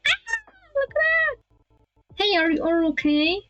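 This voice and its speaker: A woman's voice: extremely high pitch, huge pitch swings, measured pace, bright, forceful tone, lo-fi sound, soft background music, voice pushed up, heavily acted. Woman playing a caring fanged alien woman. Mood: concerned. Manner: concerned, eager.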